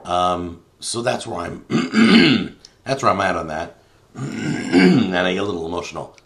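A man hosting a live stream, giving his opinion to viewers in an emphatic way and getting louder and then muttering under his breath as he reads comments. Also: low-pitched, very animated, a little slow, vocal fry. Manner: opinionated, emphatic, swings between loud and muttering. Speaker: YouTube cooking show host.

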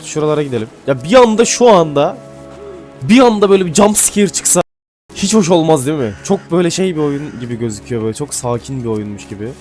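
A man giving casual gameplay commentary, excitable and swearing casually, then dropping to mumbling asides. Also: fairly high pitch, fast talker. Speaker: gaming YouTuber. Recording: faint music behind.

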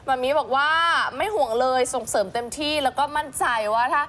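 A woman co-hosting an entertainment news show, bantering playfully with her partner. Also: sits high. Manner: quick, playful banter with co-host. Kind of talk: lively co-hosted entertainment news chat.

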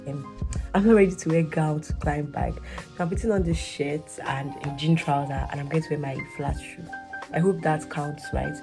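A young woman with a Nigerian accent vlogging at home, ranting about a hard week with exasperated, animated talk. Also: low-pitched. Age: young adult. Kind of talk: casual vlog rant. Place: indoors, living room. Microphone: phone camera.

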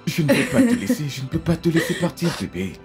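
A man's voice: on the high side, sing-song, fast, music in the background. An actor dubbing a devoted, earnest husband in a film, emphatic when he protests. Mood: comforting. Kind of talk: French film dub.

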